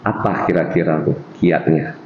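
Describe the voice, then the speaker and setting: A man's voice: a bass voice, fairly even intonation, moderate pace. A man with a North Sumatran Indonesian accent, hosting a podcast and asking long, friendly, rambling questions. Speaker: podcast host. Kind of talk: casual podcast conversation. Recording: roomy, slightly dull podcast recording with faint hiss.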